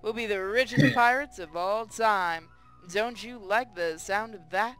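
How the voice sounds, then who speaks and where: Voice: mid-range voice, unhurried, a bit bright, smooth, soft background music. A man voicing a boastful, gleeful young female pirate captain, reading a visual novel with theatrical, triumphant declaiming. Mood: gloating. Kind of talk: hobby visual novel read-aloud.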